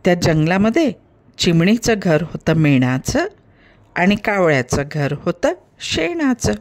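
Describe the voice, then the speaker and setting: Slow-telling woman storyteller. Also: on the low side, sing-song. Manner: slow, gentle storytelling addressing children. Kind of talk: children's story narration.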